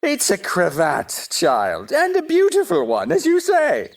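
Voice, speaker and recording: A creaky, high voice with wildly swooping pitch carries this woman's heavily acted turn as a haughty talking egg. At a measured pace she makes the character pompous, touchy and argumentative, exaggerating her emphasis smugly. It's theatrical acting in a stage-play style audio drama.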